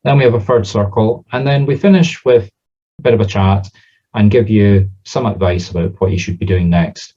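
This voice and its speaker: A Scottish man with a Southern Scottish accent talks informally and explains things conversationally through examples. His voice is low and soft-edged, with a mellow, slightly husky tone. The recording is a little dull. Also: moderate pace. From Scotland. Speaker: spiritualist medium and teacher.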